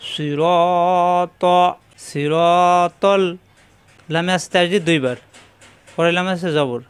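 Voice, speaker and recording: A man teaching Quran pronunciation, sounding out each syllable slowly and methodically and now and then chanting a verse. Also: fairly high pitch, clean tone. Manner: breaks into slow chanted recitation. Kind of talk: tajweed pronunciation lesson.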